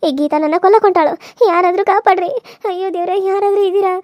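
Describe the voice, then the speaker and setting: Woman doing a cartoon village woman, tearful and begging, very high voice. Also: steady tone, racing, no room sound, lo-fi sound. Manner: pleading, tearful. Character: frightened pleading village woman begging for life. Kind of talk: cartoon serial dubbing.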